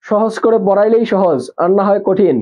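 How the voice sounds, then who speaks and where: High pitched guy teaching online, keeps quizzing students and repeating terms, muffled lo-fi sound. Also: normal speed. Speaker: nursing admission teacher. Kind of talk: live online class.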